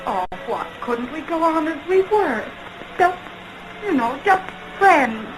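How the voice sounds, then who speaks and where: A woman playing an anguished, lovelorn woman in an early talkie film melodrama, pleading in halting, drawn-out phrases. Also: sits high, expressive, noisy background. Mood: wistful reproach. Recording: 1920s film soundtrack with loud music.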